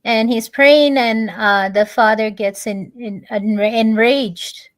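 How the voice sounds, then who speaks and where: A woman, a guest in a conversation, telling a long story in a halting way, pausing on many fillers and restarts. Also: fairly high pitch, fairly even intonation, dry recording.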